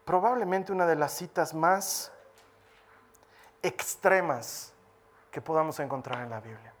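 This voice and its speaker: Animated man preaching a sermon. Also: a little high, measured pace. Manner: animated, switching between loud emphasis and soft hushed lines; acts out voices of people in the congregation.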